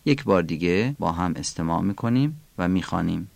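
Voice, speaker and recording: A man with a gravelly, creaky voice gives a calm Quran recitation lesson. He explains how each sound should be pronounced, then says the example words slowly and drawn out. His voice sounds close and dry. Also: deep voice, dry recording.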